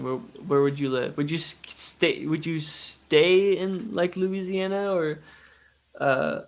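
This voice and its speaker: American male, slightly high voice, loose rambling delivery, casual stream chat. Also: a little mellow. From Utah, United States. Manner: rambling, frequent "like" and "you know".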